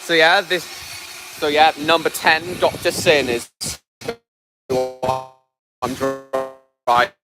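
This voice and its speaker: A man with a fairly high voice speaks slowly and pauses often on a casual outdoor livestream at a heritage railway engine, raising his voice and repeating himself as a train enthusiast. Loud music and loud steam engine noise both sit behind his voice, and the recording is low quality.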